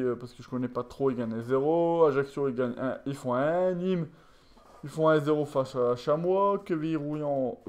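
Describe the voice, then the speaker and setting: A tired man commentating his own football video game match, swinging from low muttering to shouted goal calls. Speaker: gaming YouTuber. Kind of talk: live gameplay commentary.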